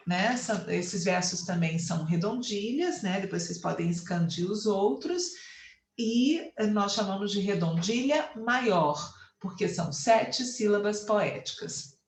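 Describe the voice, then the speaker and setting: Slow, patient woman teacher, echoey room. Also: medium pitch, a little hiss or hum. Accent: Brazilian Portuguese. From Brazil. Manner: slow, patient explaining, counts syllables aloud. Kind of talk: online class lecture.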